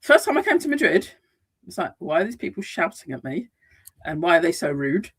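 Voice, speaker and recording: Speaking brisk and low with a breathy edge, this British woman is a psychotherapist and life coach chatting as an interview guest in Madrid, Spain. Her manner is lively, full of restarts and ready laughter.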